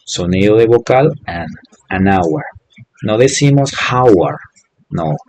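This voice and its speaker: A man's voice: fairly low pitch, expressive, takes it slowly, darkish tone, a little hiss or hum. A man teaching an English class in Spanish, patiently explaining and repeating each example step by step. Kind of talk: online class instruction.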